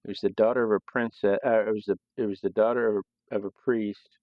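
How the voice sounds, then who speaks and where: A low-voiced man with a gravelly edge chats casually through a live drawing session. He rambles loosely and often restarts his sentences. The sound is dry and dull, with a lo-fi quality. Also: steady tone, fast talker, no echo. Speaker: host of a live sketching stream. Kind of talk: casual live-stream talk while drawing.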